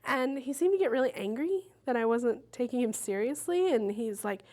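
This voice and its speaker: A woman's voice: a little high, animated, moderate pace, warm tone. A woman in her thirties giving frank, self-mocking interview answers and laughing often.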